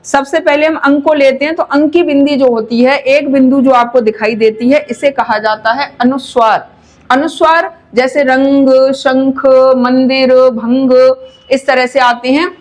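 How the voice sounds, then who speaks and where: A woman with a high voice gives a Hindi grammar lesson for exam students. She explains step by step in a patient teacher's manner and stretches out sounds to demonstrate pronunciation. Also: fairly even intonation, normal speed, hardly any pauses. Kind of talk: classroom-style grammar lesson.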